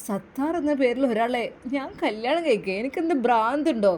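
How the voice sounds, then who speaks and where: A woman's voice: on the high side, expressive, a little fast, darkish tone, slight background noise, lightly acted. A woman voicing a bitter, defiant young bride-to-be.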